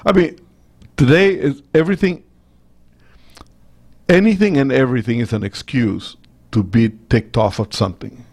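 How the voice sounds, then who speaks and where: Middle-aged Costa Rican-accented male talk radio host, gravelly tone, rambling anecdotes. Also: medium pitch, normal speed, pauses often, darkish tone. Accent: Costa Rican Spanish. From Costa Rica. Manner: rambling, anecdotal, with many restarts.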